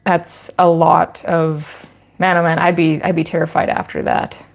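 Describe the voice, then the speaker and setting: A woman with a Canadian accent speaks at a measured pace in a low, gravelly voice with little pitch movement. She's a goat farmer hosting a channel about her farm, chatting casually during a livestream Q&A in a rambling, teacherly way with frequent restarts.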